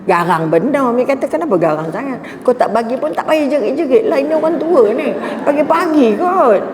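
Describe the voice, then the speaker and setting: A woman's voice: high-pitched, expressive, brisk, a little mellow. A woman with a Malaysian Malay accent gives a religious talk to an audience. She is chatty and humorous, acts out everyday stories and often checks with her listeners. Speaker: religious speaker. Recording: echoey hall with faint background noise.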